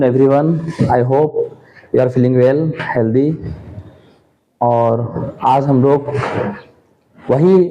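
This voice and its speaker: Male teacher with a dark voice. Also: medium pitch, muffled recording. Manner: explains slowly, repeats words and asks rhetorical questions. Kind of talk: classroom lesson.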